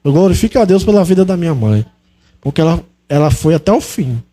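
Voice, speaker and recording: A man's voice: fairly high pitch, animated, fast, mellow. A young man giving a fervent religious testimony, often breaking into praise. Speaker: church testimony speaker.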